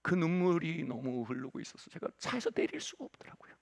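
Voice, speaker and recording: A pastor in his forties preaching a sermon, telling a story dramatically, swinging from loud outbursts to hushed asides and crying out in prayer. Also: a little high, big pitch swings, brisk, gravelly. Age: 40s. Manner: acts out quoted voices and cries out in prayer.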